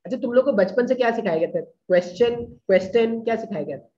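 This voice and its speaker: A man's voice: very high voice, expressive, fast talker, dark tone. A man teaching a class in a casual way, often checking whether the students follow. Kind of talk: classroom lecture. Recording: dull lo-fi recording.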